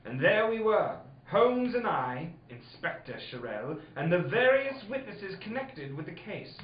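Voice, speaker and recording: An anxious gentleman doctor acted by a man in a comic radio play, theatrical and exasperated. The voice is high and very animated, caught in a roomy, dull-sounding recording. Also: unhurried, a little hiss or hum. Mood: storytelling. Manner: theatrical, melodramatic narration. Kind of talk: comic old-time radio drama acting.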